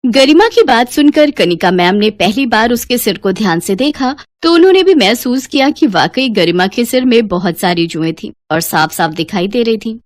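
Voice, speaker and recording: A woman narrating a scripted cartoon story in an expressive storytelling manner. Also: a little high, moderate pace, dry recording, clean studio sound.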